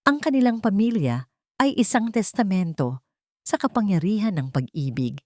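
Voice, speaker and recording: Narrating a scripted romantic drama as an audiobook, a Filipino-accented woman speaks at normal speed with medium pitch, a darkish tone, and very animated delivery. The sound is clean studio audio with no room sound.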